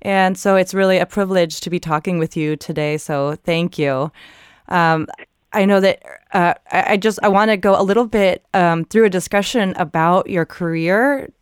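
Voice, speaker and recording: A woman hosts an interview, asking her guest questions in a slightly halting way. Her voice is lowish, smooth and resonant, with no room sound behind it. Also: dry recording, studio quality. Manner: warm, appreciative, a little halting.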